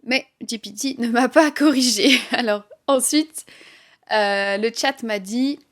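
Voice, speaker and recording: A woman with a French accent giving a relaxed, conversational language lesson, explaining things with light laughs and fillers. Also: a little high, slow. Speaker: French teacher.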